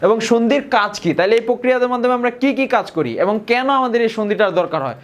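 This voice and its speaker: A young man from Bangladesh, teaching a grammar lesson and often repeating key points and slowing down on example words. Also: very high voice, expressive. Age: young adult. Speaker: tutor.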